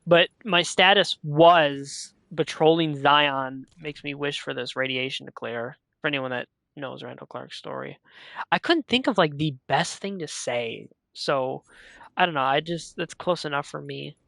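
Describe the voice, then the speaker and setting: A man's voice: a little high, a little slow, gravelly, bright, forceful tone, no echo, studio quality. A man streaming a video game, chatting casually and rambling as he thinks aloud and interrupts himself.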